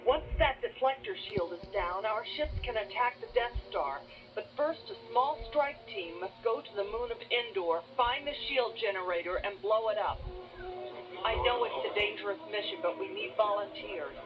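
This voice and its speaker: An actress playing a bold young rebel princess, firm and caring, in a children's read-along story. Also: female voice, mid-range voice, moderate pace, lightly acted. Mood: resolute. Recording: dull distorted cassette toy, music behind.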